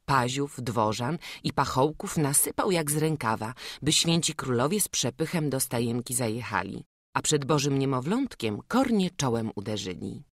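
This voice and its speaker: A woman narrating an audiobook chapter in a measured storytelling manner. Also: extremely low pitch, dry recording, studio quality. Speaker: audiobook reader. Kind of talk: scripted narration.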